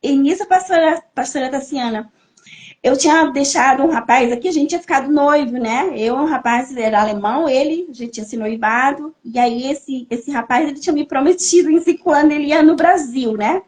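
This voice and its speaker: A woman's voice: sits high, brisk, darkish tone. A young Brazilian woman giving an emotional personal testimony on a podcast, telling her story and acting out the voices she quotes. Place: living in Germany, remote podcast.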